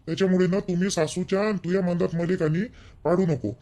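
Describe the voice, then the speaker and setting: A man playing a stern but soft-hearted young husband who lectures his wife, in a Vidarbha Marathi dialect. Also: high voice, fairly even intonation, fast. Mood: firm. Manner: lecturing, firm.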